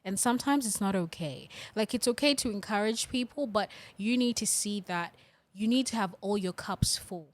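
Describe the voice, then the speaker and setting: A woman's voice: mid-range voice, normal speed. A young woman from Africa co-hosting a casual chat, laughing easily and explaining things carefully. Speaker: podcast co-host.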